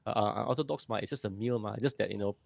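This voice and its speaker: A man's voice: lowish voice, racing, creaky, darkish tone, no echo. A Malaysian man in casual chat, speaking slangy Malaysian English with lor, lah and ma, often repeating phrases. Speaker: podcast co-host.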